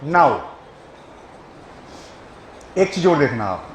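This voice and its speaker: A man's voice: fairly high pitch, big pitch swings, drawn-out words, echoey room, a little hiss or hum, rough recording. A male teacher giving a classroom grammar lecture, who keeps checking whether his students follow and coaxes them along.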